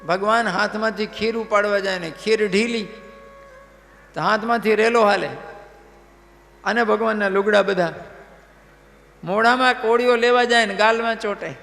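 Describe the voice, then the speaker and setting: A man telling a devotional story as a sermon, animated and checking in with listeners. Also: high voice, normal speed, gravelly, long pauses. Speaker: religious storyteller. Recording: live hall reverb, faint music.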